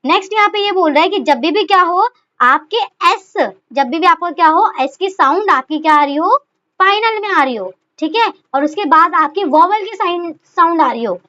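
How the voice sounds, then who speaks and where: High bright-voiced woman teaching shorthand. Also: expressive, moderate pace. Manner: chatty, repeats rhetorical questions and okay. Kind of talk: explaining a lesson step by step. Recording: dull lo-fi recording.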